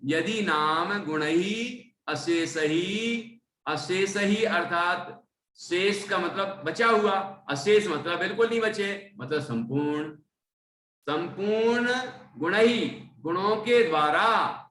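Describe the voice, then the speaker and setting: A man teaching scripture, chanting verses slowly and then explaining pronunciation and meaning, often checking in with listeners. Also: sits high, bright, forceful tone. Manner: frequent "theek hai" checks with listeners. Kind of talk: recitation and line-by-line teaching. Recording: echoey room, voice from a distance, faint background noise.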